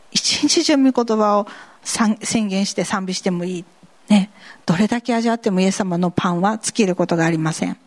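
A woman pastor preaching a lively sermon, asking the congregation questions and acting out voices. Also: a little high. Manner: lively and animated, asks the congregation questions, laughs, mimics voices.

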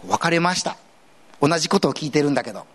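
A man delivers a sermon with the warmth of casual conversation, slipping in everyday asides. His voice sits a little high and swings widely in pitch as he presses his points home. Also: fast. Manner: earnest, conversational preaching with lively swings in pitch. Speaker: pastor.

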